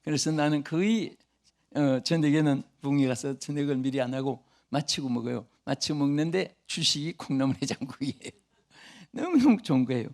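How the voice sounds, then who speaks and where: An older male pastor delivers a revival sermon in a fairly high voice. He swings from booming, emphatic declarations to light, chatty asides aimed at his congregation. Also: normal speed, darkish tone.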